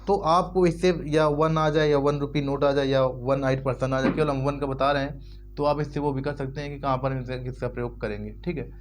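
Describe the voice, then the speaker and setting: A man's voice: mid-range voice, steady tone, fairly quick, soft background music. A man teaching English grammar in Hindi, repeating words over and over and spelling them out letter by letter. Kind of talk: explanatory lesson in Hindi.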